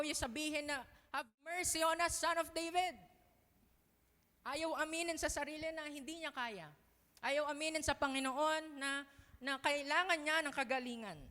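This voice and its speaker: A woman preaching a youth sermon in a church hall, emphatic, swinging between loud cries and soft asides, mixing Tagalog and English. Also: mid-range voice. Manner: mixes Tagalog and English freely. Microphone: livestream sound. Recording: long reverb of a church hall.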